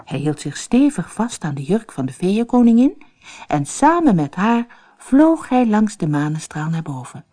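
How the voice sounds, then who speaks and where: A woman narrating a fairy tale for an audiobook in a slow, expressive storytelling manner. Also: mid-range voice.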